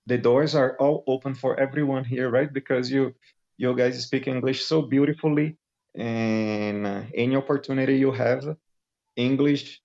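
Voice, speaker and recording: A Brazilian English teacher in his late thirties, a native Portuguese speaker, hosts an English-language podcast chat with a Brazilian Portuguese accent. His medium-pitched voice is steady, creaky and a little mellow, at a moderate pace, and the recording sounds muffled.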